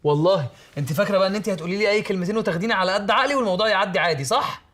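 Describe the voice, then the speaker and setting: An actor playing a sulking young husband with an Egyptian accent, passive-aggressive in a comedy series. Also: male voice, high voice, very fast, fairly bright tone. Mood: sulky. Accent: Egyptian Arabic.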